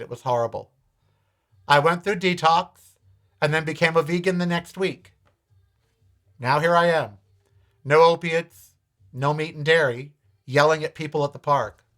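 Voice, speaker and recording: A man in his fifties hosting a podcast, chatting candidly and emotionally with his viewers, swinging from loud exclamations to quiet, near-tearful asides. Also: on the high side. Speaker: podcast host. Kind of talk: casual confessional chat to viewers.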